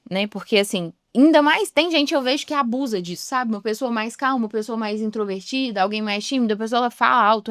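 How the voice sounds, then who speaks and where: Young woman, devotional speaker, chatty, mid-pitched, dry recording. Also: dry recording. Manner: chatty, acts out quoted voices. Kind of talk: reflective devotional talk.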